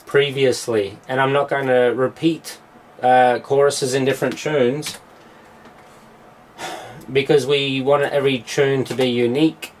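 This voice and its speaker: A man, a music producer, explaining his mixing steps in a studio tutorial, with frequent "uh"s as he works. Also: mid-range voice. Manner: explanatory, with frequent filler sounds.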